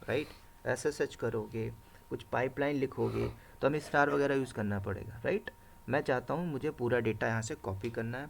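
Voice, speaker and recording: Man, instructor, gravelly voice, mid pitch, step-by-step explaining, keyboard clicks, noisy recording. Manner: explains step by step, tags lines with "right?" and "okay". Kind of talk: live screen-share coding class.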